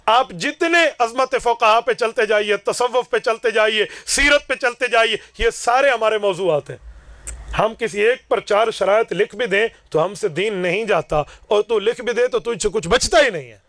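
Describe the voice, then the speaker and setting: A man preaching with a high, ringing voice, forceful and declaiming as he acts out quarrels from his own stories. The sound is dry and close, with little room around it. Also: dry recording. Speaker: Islamic preacher. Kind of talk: fiery sermon to a gathering.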